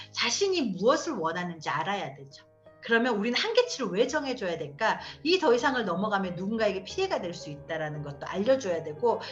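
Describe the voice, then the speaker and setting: A woman giving an animated online lecture on parenting, acting out what parents and children say. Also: a little high. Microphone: video call. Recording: dull lo-fi video call audio with faint music.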